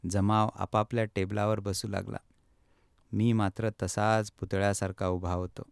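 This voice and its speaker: A man reading a first-person travel memoir aloud in steady, measured narration. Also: lowish voice, vocal fry, smooth, no room sound, clean studio sound.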